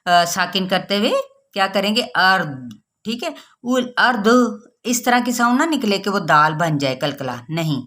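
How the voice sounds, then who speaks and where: A woman teaching Quran recitation rules patiently, checking with her listeners and drawing out example words slowly. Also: lowish voice, a bit bright. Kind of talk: tajweed lesson.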